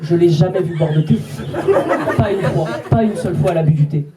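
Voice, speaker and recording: A young male comedian works a club stage and needles the crowd with quick asides. He is picked up from a distance, so the voice sounds a little removed. Clear audience laughter rises around his lines. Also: fairly high pitch. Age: 20s. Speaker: stand-up comedian. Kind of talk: stand-up routine.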